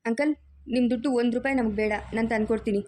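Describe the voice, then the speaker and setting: A woman playing a calm, firm young woman who reasons and reassures in a family drama. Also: fairly high pitch, very fast, natural voice.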